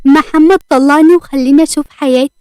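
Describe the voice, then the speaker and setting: A woman voicing an angry young wife who insists on a divorce, speaking with an Egyptian accent in heated, loud lines. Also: high-pitched, steady tone, quick pace, no echo, natural voice. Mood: defiant. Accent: Egyptian Arabic. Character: young wife, proud, furious, demanding divorce.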